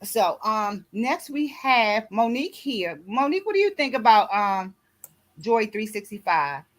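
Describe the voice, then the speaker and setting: Her voice is a little high, sing-song and unhurried. She's in her sixties, hosting a conversational radio show of motivational talk as an author mentoring co-authors. Emphatic and exhorting, she frequently checks whether listeners are keeping up.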